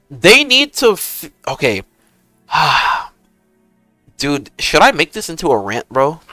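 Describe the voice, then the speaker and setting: Animated young gamer-bro guy streaming. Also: mid-range voice, dry recording. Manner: hyped gamer-bro slang, swearing, peppering talk with "bro" and "dude". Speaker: game streamer. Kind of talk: casual livestream chat and gaming commentary.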